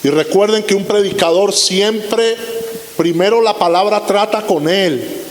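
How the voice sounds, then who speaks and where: A man's voice: high-pitched, a little slow. A man in his fifties, a pastor, preaching a sermon with emphatic repeated lists. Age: 50s. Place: church sanctuary. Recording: roomy hall reverb with faint hiss.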